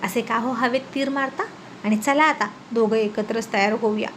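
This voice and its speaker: A woman's voice: a little high, steady tone, moderate pace, a bit bright, slight background noise, close to an everyday voice. A woman voicing a clumsy, chatty young wife who scolds and teases her husband. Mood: teasing.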